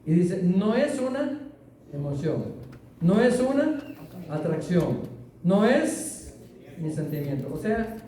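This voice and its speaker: A man's voice: high-pitched, big pitch swings, slow, pauses often, dark tone, far from the mic. A man preaching a sermon to a congregation, speaking conversationally with stories and questions, in a church hall. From Latin America. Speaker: pastor. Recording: very echoey room, voice from off-mic, faint hiss.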